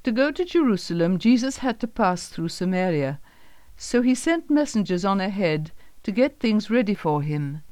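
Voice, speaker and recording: A woman giving a calm, even scripted narration of a Bible story on a close microphone. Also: medium pitch, moderate pace, dry recording.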